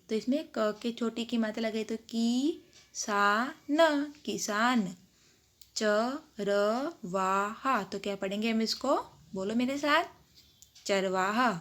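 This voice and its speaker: A woman teacher giving a grammar lesson to children, drawing out example words and asking the class questions. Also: on the high side.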